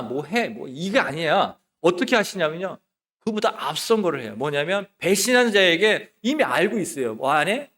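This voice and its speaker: Expressive male pastor preaching a sermon. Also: on the high side. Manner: rhetorical questions, answering himself; swings between loud emphasis and soft near-whispers. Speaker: associate pastor. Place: church sanctuary.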